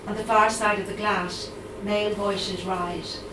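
Reading her poetry live, a middle-aged Irish woman with a Dublin accent and a mid-range voice keeps a steady, measured pace, breaking into hesitant, um-laden chatter between poems. She sounds far from the microphone in an echoing room, with noisy background and a steady hum of ambience beneath her.

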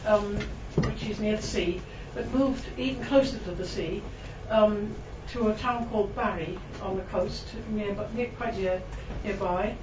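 A Welsh woman poet reads to a live audience, chatting between poems in a self-mocking way full of ums and little laughs, then slowing to a lingering delivery for her verse. Her voice is medium-pitched, and the recording is distant, roomy, and dull, with background noise.

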